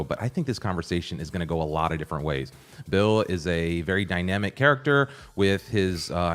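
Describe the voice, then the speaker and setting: A young man with a very low voice hosts a casual podcast stream. He sounds upbeat and loose, chatting easily and greeting viewers as he goes. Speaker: podcast host. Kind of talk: casual livestream podcast hosting.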